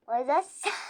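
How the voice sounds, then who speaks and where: A woman's voice: high voice, no room sound. A young girl hosting a casual gameplay video, chatting with a friend and talking to viewers as "guys", giggly and chatty. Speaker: gaming channel host.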